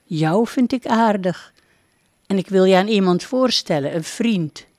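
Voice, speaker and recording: A woman reading a storybook aloud and voicing a young princess with a high, eager, playful voice. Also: lively intonation, a little slow, darkish tone, no room sound, studio quality, close to an everyday voice. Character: young girlish princess, lively and bold.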